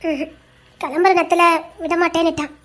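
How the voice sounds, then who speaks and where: A woman's voice: extremely high pitch, little pitch movement, a little fast. A woman with a Tirunelveli Tamil accent playing a dutiful young policewoman and mother who pleads and protests in a comedy skit. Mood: apologetic.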